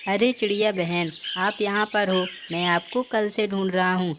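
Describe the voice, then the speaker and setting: A woman's voice: mid-range voice, steady tone, moderate pace, heavy background noise, lightly acted. A woman voicing a friendly male foreign bird who buys pots in a cartoon.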